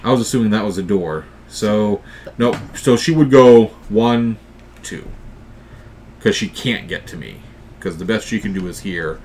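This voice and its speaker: A man hosting a board game play session, reading the game's text aloud with some drama and then talking through the rules in a relaxed, casual way. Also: fairly low pitch, a little slow, a little hiss or hum. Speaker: host and player.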